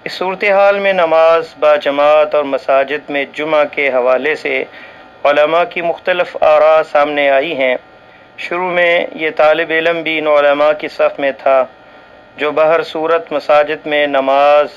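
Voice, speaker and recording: A man reading a written religious ruling aloud in a formal, measured way, reciting Arabic scripture and now and then slipping and restarting a word. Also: a little high, fairly bright tone, dull audio, slight background noise. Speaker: voice-over reader for a religious channel.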